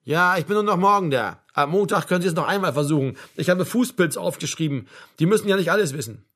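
A man voicing a blunt, mocking old male doctor with a gruff, brusque manner. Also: sits high, expressive, fast, a bit bright. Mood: wry. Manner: gruff, brusque, with a bleating laugh.

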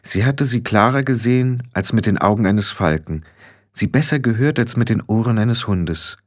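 A man narrating a story in calm, scripted audiobook reading. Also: lowish voice, moderate pace.

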